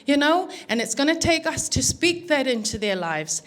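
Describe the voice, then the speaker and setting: A middle-aged woman with a New Zealand accent gives her son's wedding speech at a reception. Her voice is high and very animated, climbing and dropping as she plays out family conversations. She laughs her way through the stories. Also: normal speed. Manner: animated storyteller, acts out family dialogue, laughing often. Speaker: mother of the groom giving a wedding speech.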